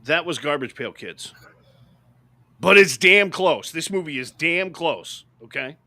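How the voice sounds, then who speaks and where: A man's voice: fairly high pitch, lively intonation, measured pace, pushed and bright. A middle-aged man co-hosting a podcast, reviewing movies in an emphatic, ranting way and often asking "right?". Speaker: podcast co-host. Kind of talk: opinionated movie review chat.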